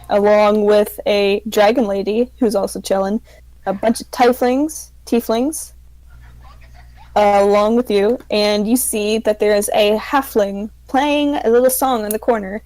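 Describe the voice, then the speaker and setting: A woman game master improvising casual tabletop narration in an informal, halting way. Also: mid-range voice, a little mellow, no echo, low-quality recording.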